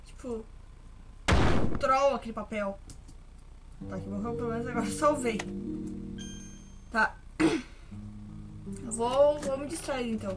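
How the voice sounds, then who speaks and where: A woman giving nervous let's-play commentary on a horror game, shrieking when startled. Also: on the high side. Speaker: gaming video host. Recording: game music behind the voice.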